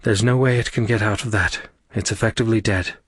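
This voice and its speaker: A man voicing a brisk, bossy young woman starship officer in an audiobook, giving orders. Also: on the low side, steady tone, slightly rough, dry recording, clean studio sound. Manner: commanding, brisk.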